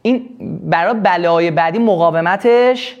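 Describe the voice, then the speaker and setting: A man teaching a live sales workshop, explaining with quick acted examples. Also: high voice, dull audio. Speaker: sales trainer.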